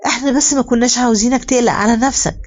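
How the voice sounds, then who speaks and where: Egyptian woman recapping a drama series super fast, acts out the lines emotionally, kinda high voice. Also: steady tone, a little mellow. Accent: Egyptian Arabic. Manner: brisk retelling, voicing lines with rising emotion. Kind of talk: storytelling recap, quoting dialogue.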